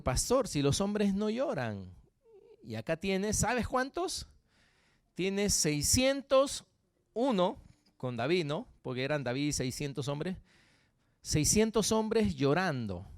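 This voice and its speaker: A man's voice: high-pitched, no echo. Peruvian pastor guy preaching, jokey, keeps asking the crowd, dry close sound. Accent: Peruvian Spanish. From Peru. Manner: animated, jokey, frequent tag questions to the congregation. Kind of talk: sermon.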